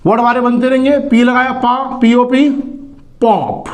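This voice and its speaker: A man teaching phonics in a classroom-style lesson, speaking, slowly spelling out letters and sounds and asking rhetorical questions. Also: very high voice, fairly even intonation. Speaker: English teacher.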